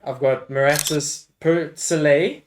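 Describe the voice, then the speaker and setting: A man co-hosting a podcast in casual chat, calmly explaining facts from his prepared notes. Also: fairly high pitch, takes it slowly, slight background noise. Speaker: podcast co-host.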